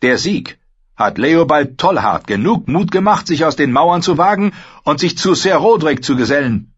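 A man's voice: a little high, expressive, normal speed, breathy edge, highs cut off, pitched above the performer's own voice. A man reading an audiobook, voicing a proud, hot-tempered young lord who argues defensively. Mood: angry. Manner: angry, defensive, boastful. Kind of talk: audiobook character voice.

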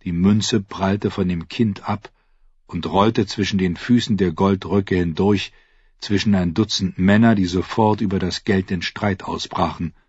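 A man reading a fantasy novel aloud with dramatic, expressive narration. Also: low voice, a little slow, slightly rough, no echo. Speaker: audiobook narrator. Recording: dry, slightly dull audiobook recording.

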